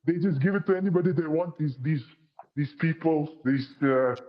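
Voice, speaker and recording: A man doing a high, muffled ranting troll caller. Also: normal speed. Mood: pompous. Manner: accusatory, repetitive ranting. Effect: voice changer. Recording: muffled lo-fi call audio.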